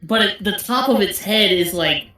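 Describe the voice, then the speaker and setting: A woman game master narrating a tabletop game off the cuff, halting as she searches for words. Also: mid-range voice, lively intonation, sharp tone. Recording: very echoey with faint noise.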